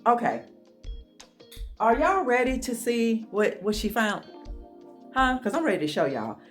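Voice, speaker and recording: Excited chatty woman vlogger. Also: fairly high pitch, unhurried, faint music behind. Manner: excited, chatty, addresses viewers as y'all. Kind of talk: casual chat. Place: home office.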